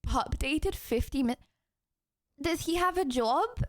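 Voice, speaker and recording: Female streamer, very high lively voice, unhurried pace, excitable and repetitive, thanking viewers over music. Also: dry recording, clean studio sound. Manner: exclamatory, repeats words and phrases. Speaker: live streamer. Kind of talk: excited livestream chat, thanking donors.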